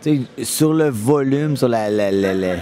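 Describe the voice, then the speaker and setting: A man's voice: mid-range voice, animated, unhurried, warm tone. A man with a Quebec French accent giving casual live boxing analysis, often repeating words as he searches for the next one. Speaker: boxing commentator. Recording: crowd noise at live event. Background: crowd.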